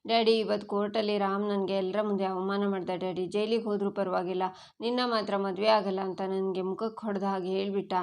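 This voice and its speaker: A woman's voice: medium pitch, level tone, brisk, a little mellow, natural voice. A woman voicing a spoiled, vengeful young woman in a story recap, resentful and complaining. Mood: bitter.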